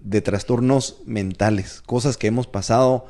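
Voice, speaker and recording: A man's voice: mid-range voice, steady tone, moderate pace, warm tone. A man hosting a conversational podcast as a youth pastor, speaking in an earnest, reflective way with frequent restarts.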